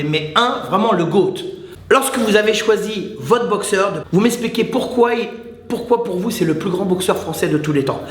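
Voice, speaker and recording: A man's voice: sits high, a bit bright, roomy sound. A male channel host talking casually and enthusiastically to the camera, speaking straight to his viewers and repeating his points. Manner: chatty and enthusiastic, addresses viewers directly, repeats himself. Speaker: muay thai channel host.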